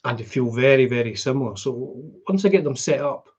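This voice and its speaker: A middle-aged man with a broad Scottish accent and a husky voice, chatting casually and in a rambling, conversational way as he hosts a live stream. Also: mid-range voice, animated, brisk. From Scotland. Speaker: guitar vlogger hosting a live stream. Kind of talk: casual chat.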